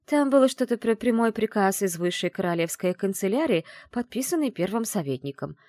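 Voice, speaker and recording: A woman reading the part of a caring, shrewd middle-aged witch mother in an audiobook, in a gentle, teasing way. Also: mid-range voice, lively intonation, fairly quick, no echo, voice pushed up, natural voice. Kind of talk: audiobook character voice.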